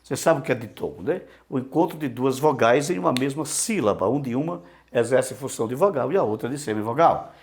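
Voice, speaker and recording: A man teaching an online lesson, asking himself questions and answering them, repeating words slowly so they can be drilled. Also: mid-range voice, expressive, darkish tone, a little hiss or hum.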